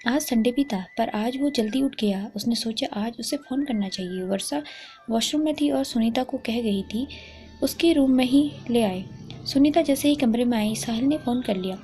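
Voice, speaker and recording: Give me a woman narrating a story in a warm, even voice with soft music behind. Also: fairly high pitch, moderate pace. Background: faint music.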